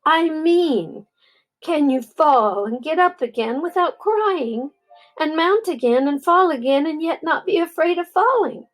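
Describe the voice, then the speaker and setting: Grandma doing a proud, bossy talking war horse. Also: female voice, sits high, lively intonation, unhurried, voice pushed up, low-quality recording. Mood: scornful. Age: older. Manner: scornful, bossy, then gently coaxing.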